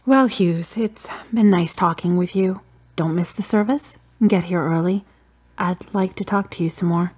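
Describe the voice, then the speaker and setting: In a radio drama, an actress with a husky, fairly low, darkish female voice plays a daughter who is wry, guarded and stubborn. Her delivery is dry and deliberate.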